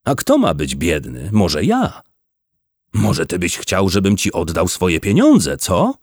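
A man's voice: sits low, wildly swooping pitch, takes it slowly, breathy edge, no room sound, clean studio sound, full character voice. A man voicing a harsh, contemptuous rich farmer who speaks sharply and slyly. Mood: scornful. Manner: sharp, scornful, sly.

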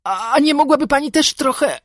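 A woman's voice: high voice, lively intonation, moderate pace, no echo, clean studio sound, pitched above the performer's own voice. A woman voicing a meek, clumsy man in an audiobook, polite and timid. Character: meek clumsy man, eager yet helpless. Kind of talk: audiobook character voice.

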